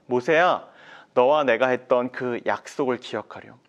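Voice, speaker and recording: A man voicing God as a gentle, fatherly speaker in a children's Bible story. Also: mid-range voice, highs cut off, pitched below the performer's own voice, natural voice. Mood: reassuring. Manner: calm, slow and kindly.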